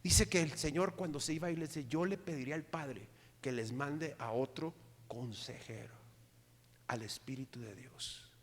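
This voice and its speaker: A man's voice: on the high side, normal speed. Pastor guy preaching, keeps checking if the church is with him, big reverby hall. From Mexico. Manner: animated preaching, asks the congregation for agreement. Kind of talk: sermon.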